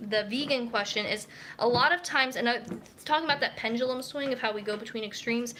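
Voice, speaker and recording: A woman's voice: fairly high pitch, brisk, background noise. A young woman, a dietitian, chatting casually on a live cooking stream, reading viewer comments aloud as she chops vegetables in her kitchen. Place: home kitchen.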